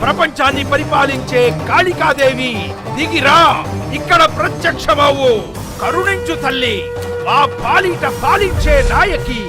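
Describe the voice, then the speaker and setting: An actor playing a swami who chants and commands a goddess to descend, in a film scene. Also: male voice, very high-pitched. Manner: intoning, commanding. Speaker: swami performing a ritual. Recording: film soundtrack with loud music.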